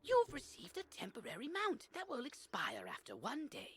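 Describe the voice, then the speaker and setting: Husky, lively game tutorial guide. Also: female voice, high voice, moderate pace, full character voice. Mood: helpful. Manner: instructional. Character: animated, helpful female game tutorial guide.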